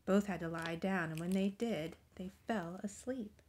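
A woman reading a children's picture book aloud, gentle and expressive, often dropping into soft whispers. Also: on the low side, measured pace, slight background noise. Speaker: storybook reader.

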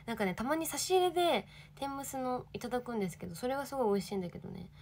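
An idol in her twenties livestreams, chatting casually and reading viewer comments with giggly, bubbly energy. Her high voice is expressive, rapid-fire, and darkish in tone, with slight background noise.

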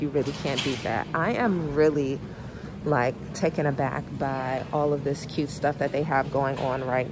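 A woman filming a casual shop-with-me vlog, chatting excitedly to viewers as y'all while browsing store aisles on a handheld phone. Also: low-pitched, noisy background. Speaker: vlogger and therapist.

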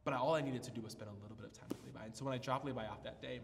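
A man's voice: mid-range voice, fairly even intonation, rapid-fire, vocal fry, in a large hall, noisy background. A man preaching a sermon as pastor, telling a personal story with many restarts and fillers. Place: church hall.

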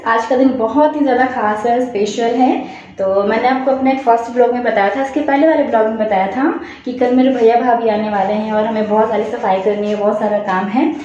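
A woman's voice: a little high, moderate pace, a little mellow, slight background noise. A woman vlogging at home, chatting casually and slipping English words into her talk. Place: at home indoors. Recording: echoey room, dull lo-fi sound.

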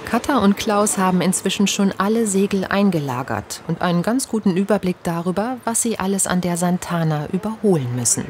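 A woman reading the scripted narration of a television documentary in a calm, even way. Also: medium pitch, brisk, few pauses, a little hiss or hum.

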